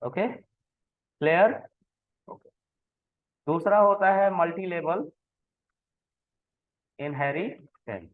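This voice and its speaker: A man teaching programming in a relaxed way, explaining code step by step and often checking that the listener follows. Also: high voice, drawn-out words, pauses often. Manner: conversational, keeps checking in with the listener. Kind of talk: explaining code while typing. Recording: tinny phone-like sound.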